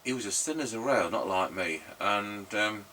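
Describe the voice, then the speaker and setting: Heard on a noisy, distant microphone, this middle-aged man speaks with a lowish voice, a moderate pace, and a sharp tone. He repairs and presents radios, chatting loosely and anecdotally during test commentary.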